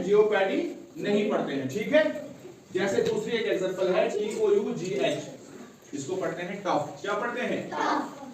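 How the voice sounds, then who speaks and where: A man's voice: high voice, distant mic. A male English teacher giving a classroom lesson, repeating each rule and quizzing the class with questions. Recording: echoey classroom recorded from afar, students audible.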